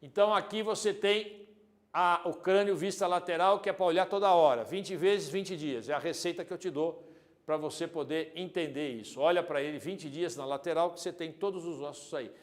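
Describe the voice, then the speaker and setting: A man teaching an anatomy video lesson, lively and joking, speaking straight to the student and swinging between loud and soft. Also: a little high, moderate pace. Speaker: exam prep teacher.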